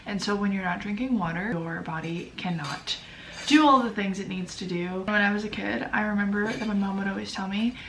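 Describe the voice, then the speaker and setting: A young lifestyle vlogger talks casually to the camera in a congested, sniffly voice, filling her chatter with fillers and self-deprecating asides. Her voice is medium-pitched, brisk and a bit bright, with a little hiss or hum. The room is echoey and she sits a bit far from the mic.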